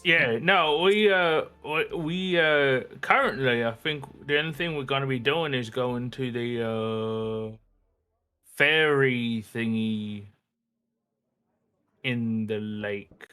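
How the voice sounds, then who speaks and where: A man's voice: medium pitch, takes it slowly, bright, forceful tone, clear, resonant tone, soft background music. A man playing a tabletop role-playing game, chatting casually and joking, with hesitant fillers. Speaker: player.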